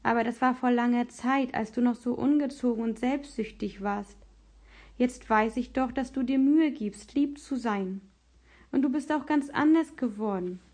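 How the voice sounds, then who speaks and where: A woman voicing a kind, patient aunt in a storybook reading, speaking gently and reassuringly. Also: a little high, moderate pace, natural voice.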